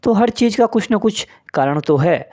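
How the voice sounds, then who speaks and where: A man's voice: high-pitched, animated, normal speed, darkish tone, muffled recording. A man teaching English pronunciation in Hindi, patiently spelling out letters and saying example words one by one. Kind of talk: spoken English lesson in Hindi.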